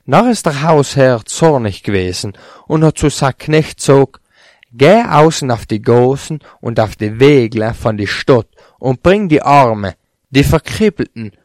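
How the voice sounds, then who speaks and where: A man reading a Bible chapter aloud in a steady, plain voice, lifting slightly on quoted speech. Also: medium pitch, a little slow, no room sound, clean studio sound. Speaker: scripture reader.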